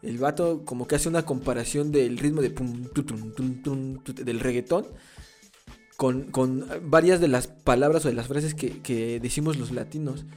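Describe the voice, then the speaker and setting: A man's voice: mid-range voice, normal speed, darkish tone, faint music behind. A man with a Mexican Spanish accent explaining ideas in a casual, rambling podcast chat.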